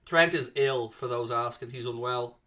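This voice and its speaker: A young South Dublin-accented man from Ireland hosts a football watchalong stream, chatting casually and replying to comments from viewers. His medium-pitched voice is bright and forceful, moving at a moderate pace. He jokes and chats freely, using "mate" and "man" in his replies.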